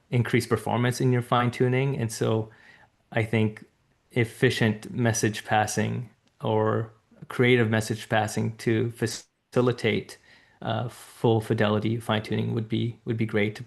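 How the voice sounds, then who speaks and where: Man, low voice, flat monotone, hesitant, video call discussion. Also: creaky. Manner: hesitant, many fillers and restarts. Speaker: workshop speaker. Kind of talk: discussion after a talk.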